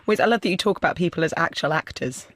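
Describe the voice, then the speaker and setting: Male interviewer, teasing and casual, slightly higher voice, close dry sound. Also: lively intonation, quick pace, fairly bright tone, dry recording. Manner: playful and teasing.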